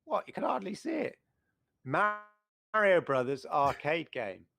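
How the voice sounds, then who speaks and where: A man's voice: on the high side, very animated, slow, gravelly, fairly bright tone, no room sound. A middle-aged man co-hosting a retro gaming show, chatting with enthusiasm and rambling through restarts. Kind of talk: casual chat.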